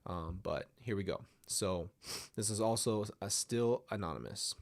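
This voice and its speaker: Unhurried and lowish in voice, a livestream host chats casually and reads stories from his viewers. A stuffy nose leaves him slightly nasal, and he tends to ramble, apologize, and start over often.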